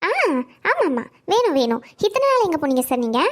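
A hurt, fiery young wife from a cartoon drama, acted by a woman, speaking in a piercingly high voice. She scolds and reproaches in turn, with a dry, close recording. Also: very animated, a little fast, no echo. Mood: defiant. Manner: teasing then tearful, reproachful.

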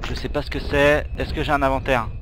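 Young male gamer, jumpy horror playthrough commentary, mid-to-low voice, prominent game soundtrack behind. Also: level tone, quick pace, a bit bright, soft background music. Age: young adult. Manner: jittery, exclaiming and muttering to himself. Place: small room at home. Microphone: headset.

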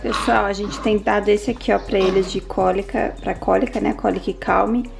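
A woman's voice: medium pitch, fairly even intonation, normal speed, gravelly. A young mother, chatting casually at home and doting on her baby. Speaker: mother and vlogger. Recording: background music.

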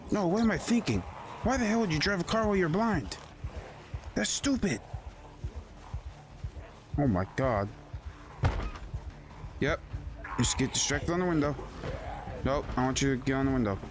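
Panicky, swearing young man over game music. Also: mid-range voice. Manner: talks to himself, swears often, yelps and panics. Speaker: gaming YouTuber. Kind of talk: profane, panicky gameplay commentary.

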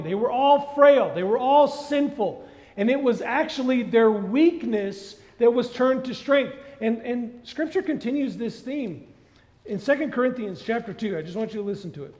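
A middle-aged man preaching a sermon on a church stage, animated and asking the congregation questions. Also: very high-pitched, unhurried. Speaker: pastor. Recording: dull sound with long hall reverb.

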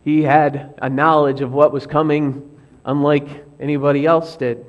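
A man preaching from the pulpit, his voice sitting a bit higher than most men's. He tells stories with lively emphasis, sometimes stumbling over a word or adding a filler. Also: moderate pace, dull audio. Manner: storytelling, quoting famous last words with lively emphasis. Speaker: pastor. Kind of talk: sermon.

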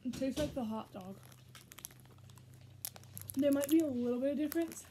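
Woman chewing while chatting, mellow. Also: sits high, normal speed, slight background noise. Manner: chatty, thinks aloud, frequent "like" fillers. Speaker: food reviewer. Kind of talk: casual taste-test chat.

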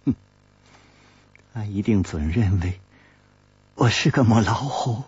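A man's voice: fairly low pitch, takes it slowly, darkish tone, breathy edge, no room sound, voice pushed down, heavily acted. Man voicing a teasing young swordswoman. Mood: tender. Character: proud young swordswoman, sharp-tongued yet tender. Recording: dull lo-fi recording.

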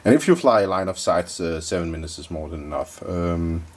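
Low-voiced man reviewing hobby gear. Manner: relaxed, many fillers and pauses. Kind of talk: casual product review. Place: indoor workbench.

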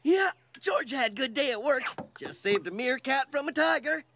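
A man's voice: extremely high pitch, lively intonation, normal speed, fairly bright tone, a little hiss or hum, heavily acted. A man voicing a friendly, dim-witted cartoon jungle man who talks in simple, broken phrases. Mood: cheerful. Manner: simple, broken third-person speech.

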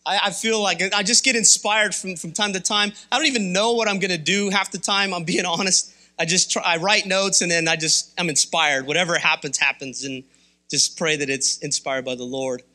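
High-voiced, bright-toned man preaching. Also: fairly even intonation, moderate pace. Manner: conversational, candid, rousing. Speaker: pastor. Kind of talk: sermon. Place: church sanctuary.

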